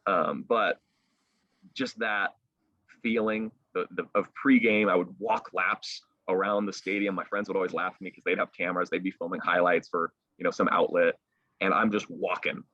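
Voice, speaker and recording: A man's voice: sits low, normal speed, no echo, muffled recording. A young man in his twenties, a sports broadcaster, telling a story as a guest on a video-call interview, animatedly acting out other people's lines. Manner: animated storyteller, quotes others with lively voice jumps. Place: indoors at home. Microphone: laptop mic on a video call.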